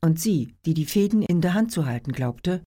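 A woman presenting books in a calm, informative, scripted narration. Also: on the low side, moderate pace. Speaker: book presenter. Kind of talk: scripted book review narration.

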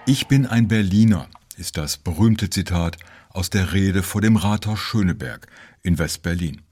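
Deep husky male documentary narrator. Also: lively intonation, measured pace, a little mellow.

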